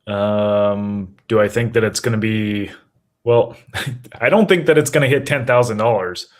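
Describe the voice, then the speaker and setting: Co-host, man, slightly low voice, measured, mulls things over aloud. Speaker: podcast co-host. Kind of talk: casual chat.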